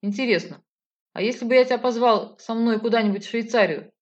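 A woman's voice: fairly high pitch, brisk, pitched above the performer's own voice, natural voice. A woman voicing an emotional, impulsive grown man who pleads and argues with his partner. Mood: heated. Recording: slightly dull lo-fi audio.

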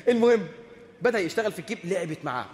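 A man's voice: sits high, expressive, rapid-fire, darkish tone, in a large hall. A man with an Egyptian Arabic accent preaching a sermon, telling a story with humor and asking the audience rhetorical questions.

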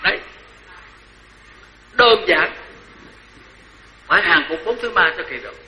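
An older man with a Southern Vietnamese accent, a senior Buddhist monk giving a lively, joking dharma talk that repeats phrases for emphasis. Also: high voice, unhurried, dull audio.

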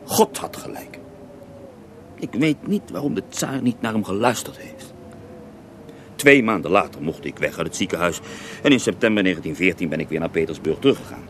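In a noisy, older radio drama recording, an actor plays an earthy Russian holy man recounting his life story, interview-style, with theatrical relish. His deep, somewhat bright voice moves at a moderate pace with lively, dramatic intonation.

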